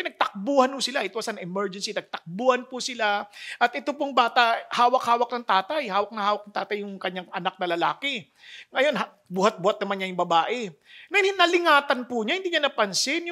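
A preacher giving a conversational sermon that switches between Tagalog and English, laughing between phrases and reading scripture slowly and deliberately. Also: medium pitch, sharp tone.

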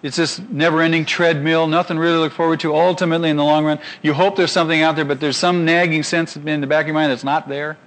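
A male pastor delivering a sermon, animated and constantly asking his audience questions. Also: fairly high pitch, fast talker, hardly any pauses.

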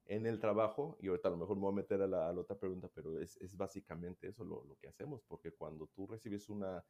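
A man with a very low voice speaks in a relaxed, explanatory way. He talks through child welfare work in a casual conversation. He acts out examples, at times raising his voice sharply and at times dropping to a hush. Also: fast talker.

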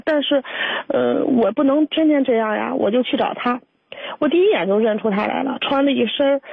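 A woman's voice: fairly high pitch, gravelly, husky, no echo. A woman calling in to an advice show, talking in a rambling, hesitant, aggrieved way. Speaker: caller. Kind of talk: call-in confession. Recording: dry tinny phone line.

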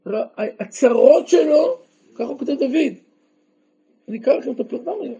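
A rabbi with a very high-pitched, expressive, creaky male voice and a dark tone teaches a Torah lesson to a group. He often poses questions and answers them himself, sometimes breaking into emphatic, raised outbursts. The recording is dull and lo-fi.

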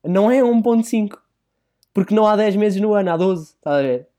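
A young man with a European Portuguese accent rattles along at a quick clip in a casual podcast chat. His voice is dark and mellow, and he keeps slipping into acted-out little scenes. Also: sits high, lively intonation. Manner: rapid, acts out little scenes. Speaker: podcast co-host.

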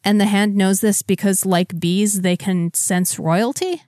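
A woman co-hosting a podcast, casually recapping comics with wry jokes and quick asides. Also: mid-range voice, steady tone, darkish tone, dry recording, studio quality. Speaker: podcast co-host.

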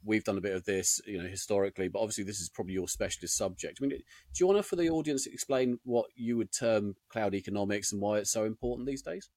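A man's voice: lowish voice, quick pace, a little mellow, no room sound. A man hosting an interview podcast in a chatty, unscripted way, his diction slightly slurred and sticky-lipped. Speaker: podcast host, IT consultant.

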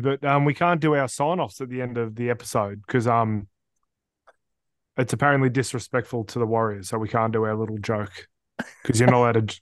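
A man's voice: medium pitch, dry recording. An Australian man giving blunt, sweary opinions in casual sports banter as a podcast co-host.

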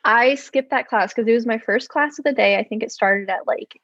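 Chatty young woman, bright high voice. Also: normal speed, no echo. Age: early 20s. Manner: animated storytelling, acts out quotes with excited high pitch; frequent fillers and laughs. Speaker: guest, physical therapy school student. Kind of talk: casual interview chat. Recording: dull lo-fi dry sound.

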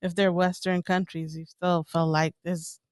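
A woman with a fairly low voice joins a casual chat as co-host. She talks in a relaxed, reflective way. The recording is dry and close. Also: measured pace, no echo.

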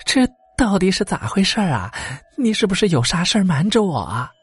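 A man's voice: sits high, sing-song, fairly quick, husky, no echo, pitched above the performer's own voice, full character voice. A man doing a fretful old village wife. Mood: alarmed. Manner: pleading, fretful.

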